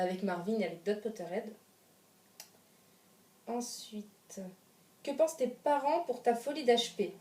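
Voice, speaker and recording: Woman vlogger, chatty and rambling, dark tone, mic set back in a roomy space. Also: mid-range voice. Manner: rambling, many fillers and restarts. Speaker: YouTuber. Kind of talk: casual FAQ vlog. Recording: roomy sound, from a distance.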